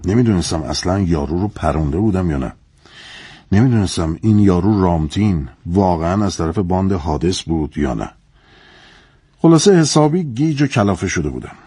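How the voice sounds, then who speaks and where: A man playing a husky deep-voiced narcotics officer. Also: dark tone, no room sound, studio quality. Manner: guarded, blunt. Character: male narcotics officer, wary and tense. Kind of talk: first-person dramatic narration.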